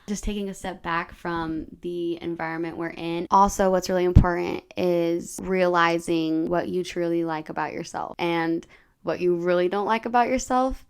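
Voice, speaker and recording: A woman's voice: lowish voice, steady tone, moderate pace, clean tone. A young woman vlogger talking casually to camera, chatty and earnest, with lots of filler words.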